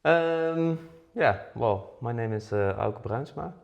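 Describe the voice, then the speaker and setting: The recording is muffled, and the speaker, a Dutch man in his forties co-hosting a podcast, talks slowly in an expressive, creaky mid-range voice. His easygoing chat is peppered with fillers and restarts.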